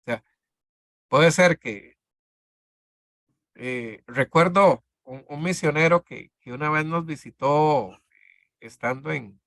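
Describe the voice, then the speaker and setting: A man teaches a discipleship class in an easy, halting way, often restarting his sentences. His voice is bright and forward. The sound is dry and close. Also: fairly high pitch, dry recording. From Costa Rica. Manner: halting, many fillers and restarts, conversational.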